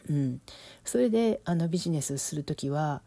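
A middle-aged woman with an Osaka accent, speaking reflectively in a casual monologue, with lots of fillers and soft laughs. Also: low voice, expressive, normal speed, no echo. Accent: Osaka Kansai Japanese. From Osaka, Japan. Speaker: business coach, podcast host.

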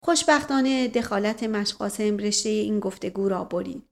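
A woman narrating a novel as an audiobook reader in measured storytelling. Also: medium pitch, vocal fry. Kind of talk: scripted narration.

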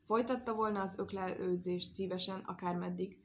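A woman's voice: mid-range voice, a little hiss or hum. Woman reading a children's tale. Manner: lively, expressive read-aloud with sound words. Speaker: storyteller.

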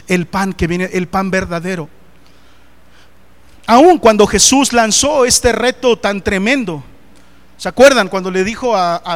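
High-voiced preacher. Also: male voice. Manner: animated, questions the congregation directly. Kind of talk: sermon.

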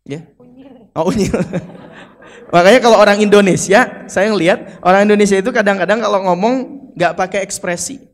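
A man with a Sundanese accent preaching a lively, playful sermon to women at a mosque. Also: high voice, fairly quick, long pauses. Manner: lively and playful, acts out quotes and mimics.

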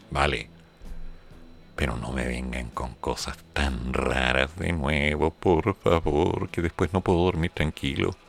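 Brief: male radio host, extremely deep and gravelly, mock-wounded sarcasm. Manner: sarcastic, theatrical complaining. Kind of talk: casual radio monologue.

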